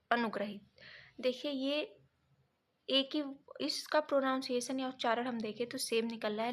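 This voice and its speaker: A woman teaching an exam prep lesson, reading each option and then correcting it step by step, sometimes pausing to check her notes. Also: on the high side. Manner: pauses to check notes mid-sentence.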